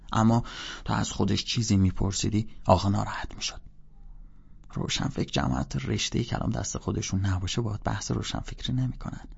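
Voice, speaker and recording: A man's voice: on the low side, creaky, slightly rough. A man reading a novel aloud in a conversational, rambling first-person style. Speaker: audiobook narrator. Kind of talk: audiobook narration with character dialogue. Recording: dull lo-fi recording.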